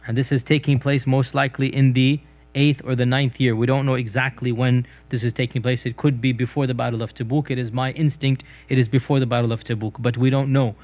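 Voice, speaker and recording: A man's voice: flat delivery, brisk, a little mellow. A middle-aged man giving a recorded religious history lecture, telling stories conversationally and acting out quoted speech. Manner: storytelling, acts out quoted speech with raised pitch; conversational with fillers and restarts.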